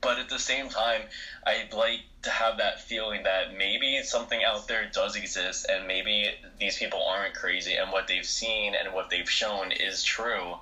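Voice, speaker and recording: Bright low-voiced male co-host. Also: fairly even intonation, low-quality recording. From New Jersey, USA. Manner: quick, open-minded musing with hedges. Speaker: podcast co-host. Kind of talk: casual chat.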